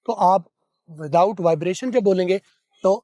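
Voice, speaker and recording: Male accent teacher, higher voice, patient demonstrator who repeats sounds, dry close recording. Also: dark tone, dry recording. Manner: demonstrates English sounds slowly and repeats them; asks questions, then answers them himself. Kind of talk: spoken pronunciation lesson.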